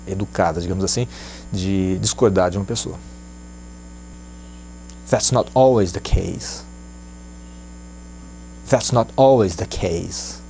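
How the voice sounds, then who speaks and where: A man giving a casual video English lesson, chatting and repeating English phrases slowly for practice. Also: on the low side, dark tone, slight background noise. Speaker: English teacher.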